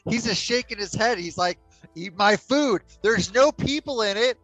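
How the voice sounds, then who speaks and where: A woman playing a tabletop game, casually switching between role-play and narration in a halting, animated way. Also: mid-range voice, no echo, poor audio. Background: faint music.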